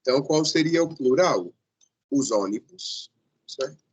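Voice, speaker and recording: A male teacher giving a grammar lesson, patient and repetitive, often pausing to check that the class follows. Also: mid-range voice, lively intonation, slight background noise, low-quality recording.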